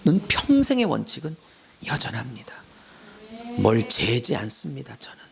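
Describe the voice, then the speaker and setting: A middle-aged male pastor preaching an expository sermon. He moves between loud calls and hushed asides. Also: mid-range voice, huge pitch swings, normal speed, creaky.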